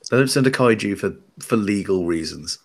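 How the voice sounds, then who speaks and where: Man, low voice, deadpan player describing his character's actions. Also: brisk. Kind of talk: casual tabletop play.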